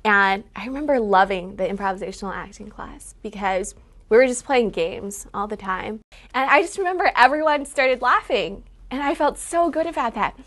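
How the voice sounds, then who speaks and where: A woman's voice: fairly high pitch, expressive, normal speed, a bit bright. Earnest young woman telling her story. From San Francisco, United States. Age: 20s. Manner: earnest and reflective, grows emotional. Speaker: interviewee. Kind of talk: taped personal interview.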